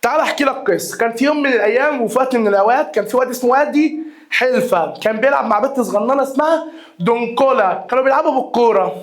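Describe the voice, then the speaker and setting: A young Egyptian man with a high, quick voice runs an exam review lesson. He repeats the key words and keeps quizzing his listeners. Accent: Egyptian Arabic. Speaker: teacher.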